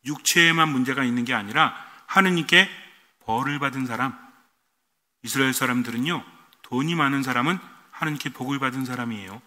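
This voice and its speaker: Bright, animated preaching man. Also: medium pitch, a little fast, big-room sound. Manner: animated, asks the congregation rhetorical questions. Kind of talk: sermon. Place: church.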